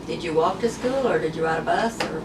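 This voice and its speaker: Higher-pitched man interviewing casually, echoey room. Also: fairly quick. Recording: echoey room, distant mic, background noise.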